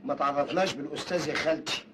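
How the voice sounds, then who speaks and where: Cocky Egyptian cousin, an actor playing him. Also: male voice, fairly high pitch, steady tone, rapid-fire, lightly acted. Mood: teasing. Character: cocky young cousin, show-off suitor. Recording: noisy old film sound from a distance.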